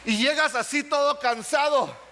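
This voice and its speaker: Male pastor, very high voice, lively preaching in a church hall. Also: a little slow. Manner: animated preaching, asks the congregation questions, acts out little dialogues. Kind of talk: sermon.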